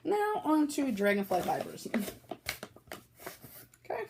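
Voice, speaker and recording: A woman's voice: high-pitched, huge pitch swings, takes it slowly, vocal fry, background noise. A woman from Brooklyn with a New York accent, hosting a casual yarn haul chat, chatty and gushing, often laughing. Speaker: knitting podcast host.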